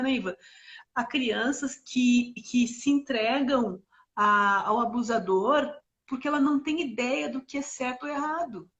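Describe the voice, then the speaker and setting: The audio is dull as a high-pitched, middle-aged woman co-hosts a parenting live stream. She explains ideas in a lively, casual manner, leaning on many examples and asides.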